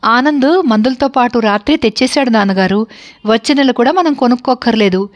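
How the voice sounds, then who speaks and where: A woman's voice: on the high side, a little fast, natural voice. A woman voicing a cheerful teenage daughter in a spoken story. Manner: bright, cheerful.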